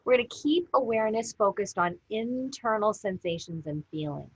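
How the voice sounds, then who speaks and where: Gentle husky-voiced woman yoga teacher. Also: medium pitch, lively intonation, dry recording, low-quality recording. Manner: gentle, unhurried guidance. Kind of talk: guided yoga class instruction.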